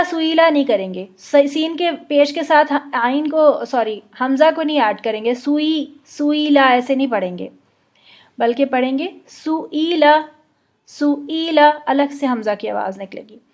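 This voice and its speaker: High-voiced woman teaching pronunciation. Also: expressive. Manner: patient, drawn-out model pronunciations. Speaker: Quran recitation teacher. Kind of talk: instructional explanation with slow demonstrations.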